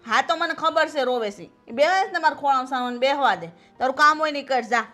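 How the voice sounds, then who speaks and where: A woman's voice: sits high, lively intonation, a little fast, a bit bright, faint music behind. An actress playing a domineering grandmother who scolds her daughter-in-law and coos at the baby. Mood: scolding. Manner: scolding, bossy; coos in baby talk to the infant. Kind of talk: Gujarati film drama acting.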